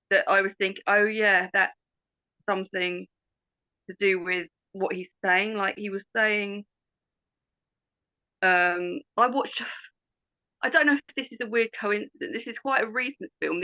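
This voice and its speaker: A woman talking casually on a group call, hesitant and rambling with many fillers. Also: medium pitch. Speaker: call participant. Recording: lo-fi online call audio.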